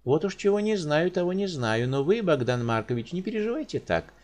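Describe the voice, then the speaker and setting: A man doing a fussy, high-voiced professor doctor. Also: very animated, a little fast, darkish tone. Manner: high, ingratiating, hedging. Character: pompous fussy middle-aged male professor doctor.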